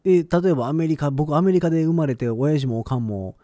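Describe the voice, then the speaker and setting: A man's voice: fairly high pitch, expressive, brisk, warm tone, no room sound, studio quality. A man with a Kansai accent co-hosting a podcast in casual, joking banter. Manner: joking banter with playful quoted asides. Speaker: podcast co-host. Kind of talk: casual chat.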